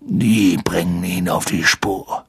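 A man voicing a huge, rough, hot-tempered gamekeeper who blurts and blusters in an audiobook reading. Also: low voice, fairly even intonation, slow, fairly bright tone, dry recording, clean studio sound, pitched below the performer's own voice, exaggerated voice. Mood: gruff.

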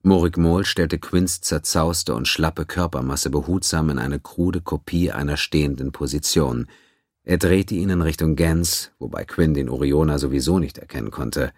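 A man narrating a science-fiction audiobook in a steady, even storytelling manner. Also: very deep voice, dry recording, studio quality.

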